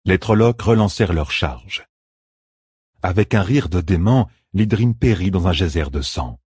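A man narrating an audiobook with a measured, expressive reading. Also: sits low, breathy edge, dry recording, clean studio sound.

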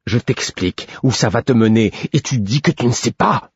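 A man doing a gruff, brooding stablemaster. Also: steady tone, unhurried, darkish tone, dry recording, muffled recording. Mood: roaring angry. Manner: low brooding menace, rising to roaring anger. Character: gruff grown man, stern stablemaster, drinking, bitter.

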